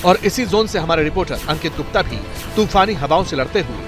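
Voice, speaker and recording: A male narrator delivers a dramatic scripted news report. His voice is fairly high and emphatic, with a theatrical build in the phrasing. Loud music runs underneath him. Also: animated, fast.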